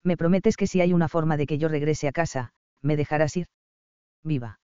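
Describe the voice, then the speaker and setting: A man voicing a defiant modern young woman stranded in the past, in an audiobook, speaking quickly. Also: on the high side, expressive, mellow, clear, resonant tone, no echo, dull audio, close to an everyday voice. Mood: wary. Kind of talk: audiobook character reading.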